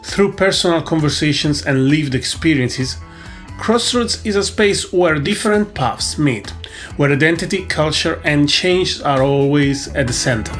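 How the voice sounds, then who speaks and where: A man's voice: on the high side, fairly bright tone, soft background music. Man hosting a podcast. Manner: friendly, halting, frequent restarts and fillers. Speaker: podcast host. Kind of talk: podcast interview.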